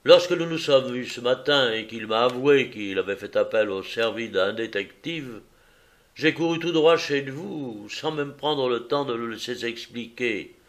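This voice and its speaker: A man voicing a touchy middle-aged foreign visitor who speaks loudly and insistently in an audiobook reading. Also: medium pitch, a little slow, natural voice. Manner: loud, insistent, slightly suspicious.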